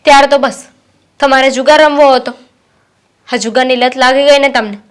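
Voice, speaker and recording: A woman acting as a young student daughter, resentful and determined, with a high voice. She scolds her father in firm, steady reproach. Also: normal speed, clear, resonant tone, lightly acted. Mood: reproachful. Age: young adult. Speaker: daughter studying to be a pilot. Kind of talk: Gujarati short-film acting.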